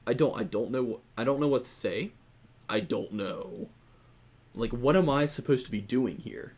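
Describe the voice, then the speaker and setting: A man's voice: mid-range voice, normal speed, darkish tone. A young man and gaming YouTuber, ranting in a rambling, exasperated way about an online match. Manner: rambling and exasperated, with frequent restarts and swearing. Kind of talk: casual gaming rant to camera.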